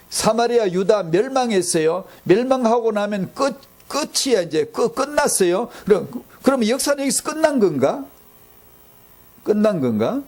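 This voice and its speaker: A man's voice: sits high, darkish tone. A man preaching a sermon as pastor, firing off rhetorical questions, repeating himself for emphasis and bantering with the congregation.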